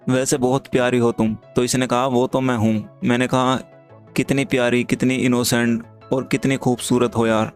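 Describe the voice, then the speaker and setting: A man hosting his channel, walking through a screen-recorded chat and reading the messages aloud in a steady, even way. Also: medium pitch. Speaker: channel host. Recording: faint background music.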